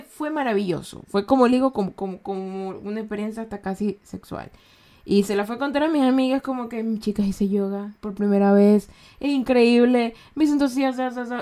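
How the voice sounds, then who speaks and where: A young woman chats as a podcast host, bubbling over with enthusiasm. She piles up repeated words and restarts as she gushes. Her voice sits at an ordinary middle pitch. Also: a little mellow. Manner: gushing, enthusiastic, self-interrupting. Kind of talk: casual chat.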